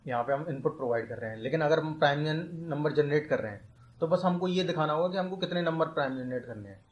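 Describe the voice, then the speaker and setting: Man slowly explaining computer science. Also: fairly high pitch, muffled recording. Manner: explains step by step, mixing English terms into Hindi, slows down to dictate definitions. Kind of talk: explaining a lecture.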